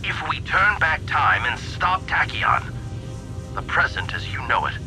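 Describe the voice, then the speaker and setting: An actor playing an older, commanding alien general in a video game, grave and measured like a military man. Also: fairly high pitch, big pitch swings, music in the background, low-quality recording.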